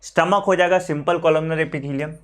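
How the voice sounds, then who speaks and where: A man's voice: fairly high pitch, fairly even intonation. Indian man teaching biology for an exam. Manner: mixes Hindi with English terms, repeats key phrases, frequent "ठीक है" check-ins; slows right down to spell out technical terms. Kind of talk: online exam-prep lecture.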